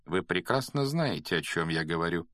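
A man's voice: lowish voice, a little fast, fairly bright tone, no echo, studio quality. A man voicing a cold, threatening male schoolmaster who speaks in a clipped, ironic tone. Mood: icy menace.

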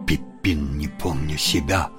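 A man narrating a fantasy audiobook in a measured, dramatic way. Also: rumbling low, music in the background.

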